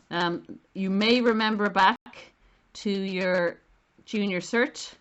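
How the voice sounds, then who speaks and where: A middle-aged Irish woman with a slightly low voice teaches maths informally. She explains step by step, stressing key terms, with a self-deprecating touch. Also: fairly bright tone. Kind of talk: informal spoken maths lesson.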